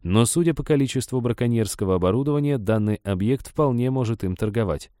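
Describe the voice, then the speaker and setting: A man doing an eager deadpan cyborg helper. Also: medium pitch, quick pace, dry recording, studio quality, natural voice. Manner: stiff report-like phrasing. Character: eager helpful male cyborg companion, formal machine-speak.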